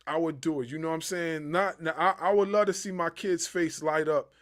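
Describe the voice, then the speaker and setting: Brief: talkative podcast host, a man with a fairly high voice, rambling and lively. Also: a little fast. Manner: animated, rambling with many fillers. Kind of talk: casual interview chat.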